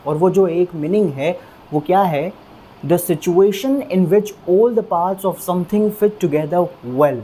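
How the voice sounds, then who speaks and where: A man teaching English vocabulary in an explanatory online lesson. He talks conversationally, calls his listeners friends and repeats words slowly for them to practise. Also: high voice, warm tone, a little hiss or hum. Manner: conversational, with frequent fillers.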